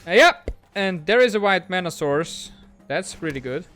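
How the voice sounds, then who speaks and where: Excitable high-voiced man commentating a card game. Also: faint music behind. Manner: excitable, quick, self-mocking. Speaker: gaming channel host. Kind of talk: gameplay commentary.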